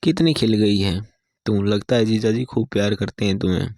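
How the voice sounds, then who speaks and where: A man's voice: on the low side, normal speed, darkish tone, dry recording, studio quality, lightly acted. A man reading as a teasing young woman.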